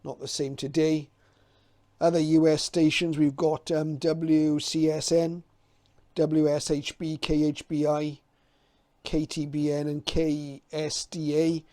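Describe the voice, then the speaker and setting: Speaking off the cuff, this middle-aged presenter sounds like a hobbyist thinking back, with hesitations and pauses throughout. His voice is mellow, soft at the edges and a touch high, and his delivery stays flat and very level.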